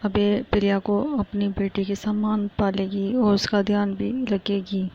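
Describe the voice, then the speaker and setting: A woman voicing a father calmly explaining a decision to his mother, on a muffled lo-fi recording. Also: mid-range voice, measured pace.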